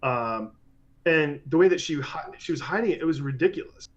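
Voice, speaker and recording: A man in a casual podcast conversation, talking in an animated way. He often restarts his sentences and mimics other people when he quotes them. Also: fairly high pitch, brisk, lo-fi sound.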